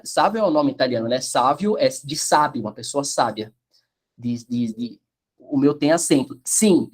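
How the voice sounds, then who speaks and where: A man's voice: fairly high pitch, slightly rough. Man, Italian teacher, online class, sing-song lilt, talks to the chat.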